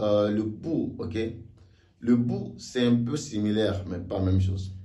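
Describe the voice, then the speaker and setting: A man teaching a casual online language lesson, chatty, repeating each example slowly and checking in with "ok?". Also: lowish voice, a little mellow. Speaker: Mandarin teacher. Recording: roomy echo, voice a bit far from mic.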